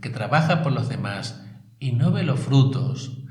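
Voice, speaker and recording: A man's voice: mid-range voice, expressive, measured pace, reverberant. A male priest giving a sermon, emphatic, repeating key phrases and asking rhetorical questions.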